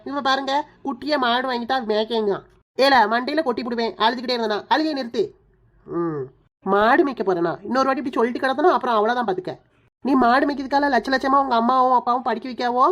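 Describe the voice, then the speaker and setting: A woman's voice: sits high, close to an everyday voice. A woman voicing a bossy young wife who tutors and scolds a small boy in a Kanyakumari Tamil accent, in a cartoon. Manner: scolding, threatening, then coaxing. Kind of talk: cartoon voice acting.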